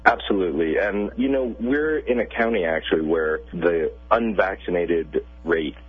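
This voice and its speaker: A pediatrician, a man, calmly explaining medical questions as a guest on a radio interview, heard over a phone line. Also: low-pitched, moderate pace, husky, dry recording.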